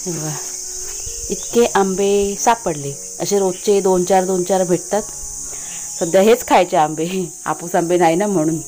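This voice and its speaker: A woman's voice: fairly low pitch, normal speed, warm tone, slight background noise. A woman host with a Konkan Marathi accent, chatting casually in a village vlog, talking to her pets and her viewers outdoors.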